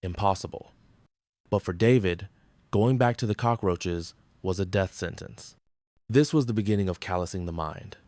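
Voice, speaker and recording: A man's voice: deep voice, moderate pace, darkish tone, no echo. A man giving dramatic scripted narration in intense, punchy short phrases.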